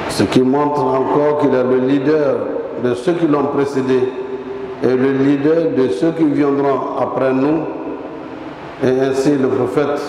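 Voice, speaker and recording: A middle-aged man with a West African French accent giving a Friday sermon at a mosque pulpit, slow and measured, stretching his phrases and weaving in Arabic formulas. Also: mid-range voice, darkish tone, slight background noise. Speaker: imam. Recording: echoey mosque hall with long reverb.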